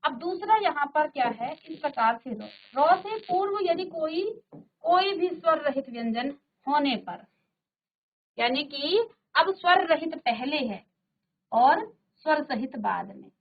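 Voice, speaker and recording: A woman with a high, expressive voice takes her time as she teaches a grammar lesson in a studio classroom. She drills sounds through repetition and checks in with her class, and the audio sounds tinny, like a phone.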